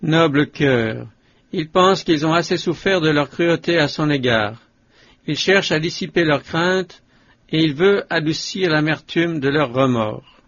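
A man reading a religious book aloud as an audiobook narrator, measured and solemn. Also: a little high, fairly bright tone, highs cut off.

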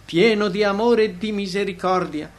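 A man reading a devotional text aloud in scripted narration, expressive, with emphatic rises and slowed phrases. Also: high voice.

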